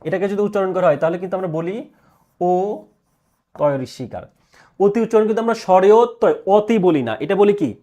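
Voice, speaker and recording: A male teacher giving an exam prep lecture, asking questions and answering them himself, repeating key answers slowly. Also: high voice, dark tone.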